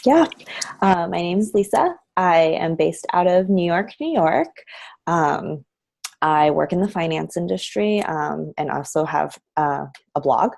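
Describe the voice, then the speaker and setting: Deep, gravelly young woman. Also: expressive, measured pace, darkish tone, no echo. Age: young adult. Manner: hesitant, with many ums and uhs. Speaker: panelist, works in finance.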